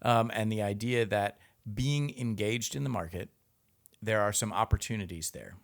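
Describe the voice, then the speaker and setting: A man hosting a casual podcast chat, with a dry, teasing humor and relaxed asides. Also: on the low side, normal speed, gravelly. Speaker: podcast host.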